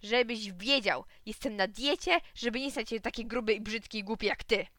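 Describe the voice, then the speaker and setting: A woman's voice: a little high, normal speed, a bit bright, dry recording, clean studio sound, lightly acted. A woman voicing an irritable middle-aged father who snaps at his neighbor. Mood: grumpy. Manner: gruff, irritable.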